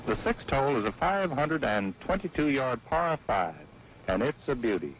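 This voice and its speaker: A man calls a televised golf match in a folksy play-by-play style, his medium-pitched voice sing-song at a moderate pace. The audio comes from a noisy old broadcast.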